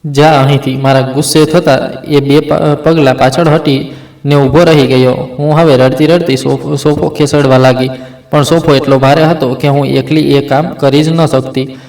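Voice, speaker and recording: A man narrating a first-person story in a steady, sombre way, with small restarts. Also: medium pitch, normal speed, reverberant, low-quality recording.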